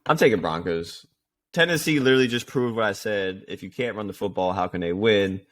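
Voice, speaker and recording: A man's voice: lowish voice, a little fast, fairly bright tone. A man hosting a casual football podcast, jokey and playful. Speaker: podcast host. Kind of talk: casual sports chat.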